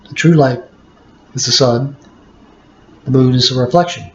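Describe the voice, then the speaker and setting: A man's voice: mid-range voice, normal speed, a little hiss or hum. An older man with a folksy grandpa manner reads the Bible aloud and adds plain, teacherly asides, repeating key words. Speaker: grandfather reading scripture aloud. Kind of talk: Bible reading with plain-spoken commentary. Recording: echoey room, dull lo-fi sound.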